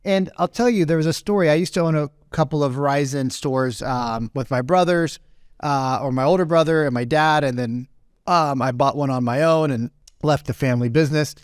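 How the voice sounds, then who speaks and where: Rambling man telling a story, fairly high voice. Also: brisk, smooth, no echo, clean studio sound. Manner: rambling, frequent "right?" and "like". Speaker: podcast guest. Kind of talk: casual storytelling.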